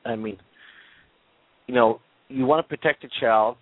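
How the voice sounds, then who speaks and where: A man's voice: medium pitch, a little slow, no room sound. A man hosting a radio interview who asks long, meandering questions with many hesitations. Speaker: radio show host. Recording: dry, tinny phone line.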